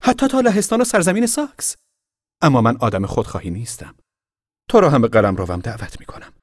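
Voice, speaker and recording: Loud bragging boy up a tree, a man doing him: high, husky, defiant shouts. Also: sing-song, no echo, clean studio sound. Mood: proud. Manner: shouting, boastful.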